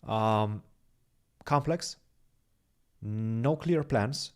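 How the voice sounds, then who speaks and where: Speaking extremely slowly, this young man has a lowish, clear, resonant voice. He's a chess podcast co-host whose first language is Romanian, chatting casually on a livestream, reading viewer messages and mulling over moves out loud.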